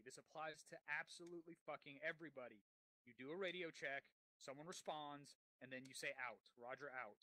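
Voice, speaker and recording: A man's voice: a little high, bright, forceful tone, no echo, rough recording. A man leading a military-roleplay debrief as unit commander, speaking bluntly and swearing heavily over game voice chat.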